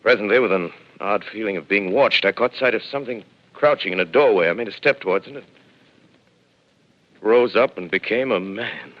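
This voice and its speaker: Brooding and brisk, a man with a low, natural-sounding voice plays a lone astronomer, rattled and surviving in an empty land. It's delivered in the quiet, contemplative manner of 1930s radio drama, on a muffled lo-fi vintage broadcast.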